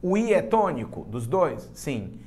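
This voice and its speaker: A man with a Brazilian accent teaches a live online grammar lesson for exam prep, speaking a little high and a little slow. He's animated and chatty, talking directly to his students.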